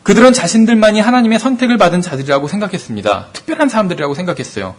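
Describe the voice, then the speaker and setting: A man's voice: high-pitched, very animated, very fast. A man teaching a Bible study class as pastor, explaining points and asking rhetorical questions.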